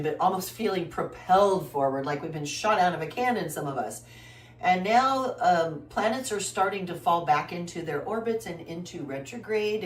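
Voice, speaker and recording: A woman with a lowish voice hosts a casual weekly tarot reading on her channel, sounding far from the mic in a roomy space. She's congested and coughing while recovering from the flu, and she rambles with lots of fillers and restarts.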